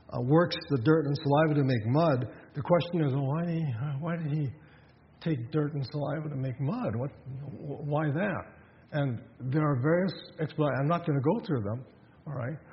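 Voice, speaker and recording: A man's voice: fairly high pitch, big-room sound, muffled recording, a little hiss or hum. A man preaching a sermon in a conversational way, with rhetorical questions and frequent restarts. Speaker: pastor.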